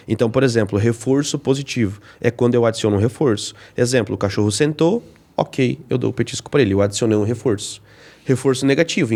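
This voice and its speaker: A man's voice: mid-range voice, darkish tone. A man explaining dog training as a podcast guest, teaching with everyday examples and rhetorical questions.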